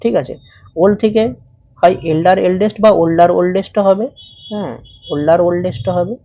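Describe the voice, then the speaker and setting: A woman's voice: fairly low pitch, brisk, dry recording. A woman with a Bengali accent teaching English grammar. She explains each rule step by step, spells words out letter by letter and puts questions to the viewer. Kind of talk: explanatory lesson. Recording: dull, muffled sound.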